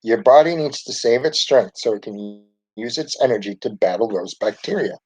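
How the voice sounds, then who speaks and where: A man's voice: fairly low pitch, animated, moderate pace, breathy edge, rough recording. Man doing a worried mom. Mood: concerned. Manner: gentle and concerned. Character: concerned mother, adult woman.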